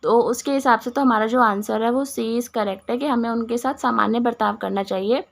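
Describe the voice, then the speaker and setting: A woman with a hoarse, gravelly voice and a nagging cough talks through exam questions like a teacher. Her voice sits a little high. She keeps restarting words and mixes English into her explanations. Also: brisk. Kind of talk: Hindi exam-prep lesson.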